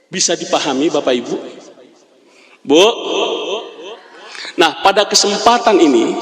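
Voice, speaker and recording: A middle-aged man preaching a dawn sermon to a mosque congregation, asking the crowd questions and drawing out chanted prayer phrases slowly. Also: high voice. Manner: questions the crowd, slow chanted dhikr lines. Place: large mosque hall. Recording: echoey hall with long reverb.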